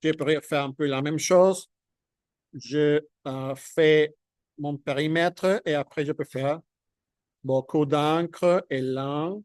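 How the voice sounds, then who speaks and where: A man giving a hands-on drawing tutorial, talking in halting bits as he demonstrates and checking in with "ok?" as he goes. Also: a little high, steady tone, darkish tone, smooth, no echo, clean studio sound. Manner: halting, thinks aloud while demonstrating; checks in with "ok?" often. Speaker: drawing instructor.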